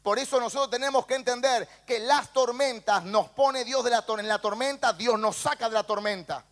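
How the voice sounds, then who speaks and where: A male pastor with a Rioplatense Spanish accent, preaching a sermon with passion and rising to shouts. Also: very high-pitched, normal speed. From Argentina.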